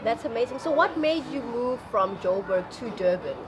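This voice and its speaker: A woman's voice: fairly high pitch, expressive, normal speed. A woman hosting a conversational interview in an effusive, gushing manner. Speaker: show host, interviewer. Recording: music under the talk. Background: music.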